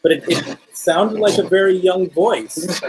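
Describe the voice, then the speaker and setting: A man with a high, darkish voice hosts a live paranormal stream, speaking unhurriedly in a steady tone. He chats casually and conversationally, calling out questions to spirits and viewers he can't see. The recording is low quality, with slight background noise.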